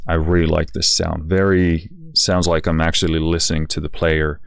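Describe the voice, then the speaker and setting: A very tired man giving a casual music software walkthrough, speaking haltingly with slightly slurred words. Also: extremely low pitch, level tone, creaky, clear, resonant tone, no echo, clean studio sound.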